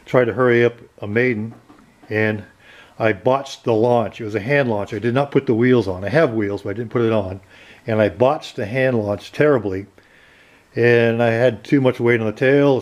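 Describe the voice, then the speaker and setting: A man with a mid-range, somewhat dark voice gives an informal tour of his basement workshop as an RC plane hobbyist. He talks through rebuilding a model plane, rambling and self-correcting in a plain, matter-of-fact manner.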